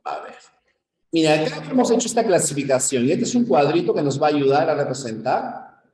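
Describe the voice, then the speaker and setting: A man from Peru teaching a university-prep lecture, explaining step by step and checking in with the class through quick questions. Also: fairly high pitch, big pitch swings, darkish tone. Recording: echoey room.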